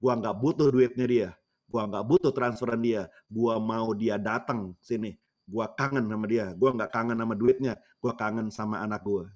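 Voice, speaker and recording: A man's voice: mid-range voice, fairly even intonation, measured pace, pauses often, a little mellow, lightly acted. A man voicing a sulky elderly grandmother who nags and scolds because she misses her child. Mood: angry. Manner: nagging, scolding.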